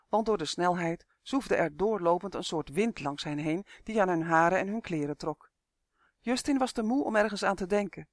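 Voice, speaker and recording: A storyteller reading a children's fantasy audiobook in a calm, measured way. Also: medium pitch, no room sound, clean studio sound. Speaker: audiobook reader. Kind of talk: storybook narration.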